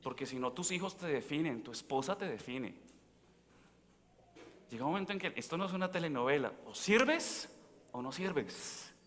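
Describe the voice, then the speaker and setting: A man's voice: on the high side, lively intonation, moderate pace, a bit bright. A man, a priest, giving a sermon in a conversational way, telling stories and asking the congregation questions. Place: large church. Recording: long church reverb.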